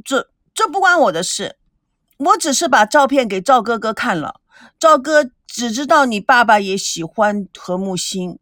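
A woman's voice: on the high side, big pitch swings, moderate pace, a bit bright, no room sound, clean studio sound. A woman voicing a jealous, guilty woman who stammers, whines and pleads in an audiobook. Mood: whiny, evasive. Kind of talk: audiobook character reading.

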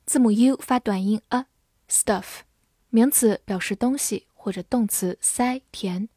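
A woman teaching English vocabulary in a scripted lesson, spelling each word letter by letter and reading example sentences slowly. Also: fairly high pitch, dark tone, breathy edge, no room sound, clean studio sound.

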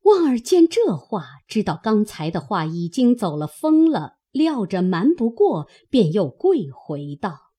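A woman narrating a classic novel as an audiobook, in measured storytelling. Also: medium pitch, very animated, mellow, husky.

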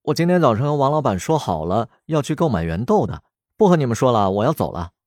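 A man voicing an excitable, easily flustered young woman in a storybook reading. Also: on the low side, moderate pace, no room sound, clean studio sound. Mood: excited.

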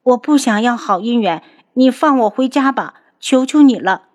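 A frightened young captive woman from a storybook, her voice raised high and thin with fear, as a woman narrator puts her on. She begs timidly, close to tears. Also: lively intonation, a little slow, darkish tone. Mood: pleading. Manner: timid, pleading, tearful.

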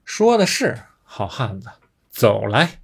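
A man's voice: medium pitch, sing-song, slow, vocal fry, fairly bright tone, husky, exaggerated voice. A man voicing a brash, boastful male monkey king with a taunting, swaggering manner. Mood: cocky.

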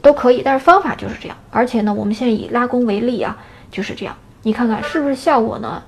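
A woman teaching an erhu lesson in a casual, step-by-step way, often checking in with a quick question. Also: on the high side, husky. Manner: explains step by step with tag questions.

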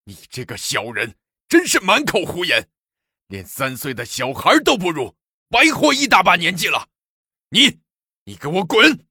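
A man's voice: mid-range voice, lively intonation, normal speed, bright, forceful tone, husky, no echo, clean studio sound. Man playing a wrathful old grand minister. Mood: furious. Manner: scolding, imperious. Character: stern, wrathful senior male minister.

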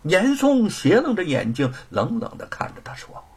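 A man's voice: wildly swooping pitch, normal speed, a little mellow, breathy edge. A man narrating a traditional Chinese storytelling performance with dramatic delivery. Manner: dramatic, sweeping pitch swings.

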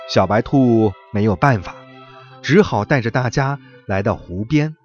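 A man narrating a bedtime story for children in a gentle, expressive, lively way. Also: medium pitch, unhurried. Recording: muffled recording with soft background music.

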